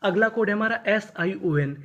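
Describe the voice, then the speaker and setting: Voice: moderate pace, lo-fi sound. A teacher spelling out English words letter by letter, sounding them out and then giving each word's meaning. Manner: drops pitch on the last word of each list. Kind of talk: spelling and phonics lesson.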